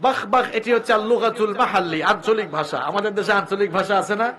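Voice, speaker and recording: A man from Sylhet preaching a waz sermon, impassioned and rising to shouts, with joking asides. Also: sits high, fairly quick. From Sylhet, Bangladesh.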